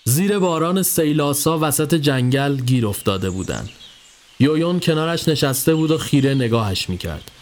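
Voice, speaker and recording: Man narrating a horror story. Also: a little hiss or hum. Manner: steady storytelling, dropping low for tense moments. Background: faint music.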